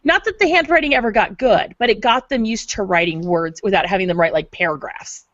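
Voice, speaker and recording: A woman chatting casually on a homeschool panel in a relaxed, conversational way, asking questions. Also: mid-range voice, fairly quick, no echo. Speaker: homeschooling parent, panel host. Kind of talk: casual online panel chat. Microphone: video call. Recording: dry, dull video call audio.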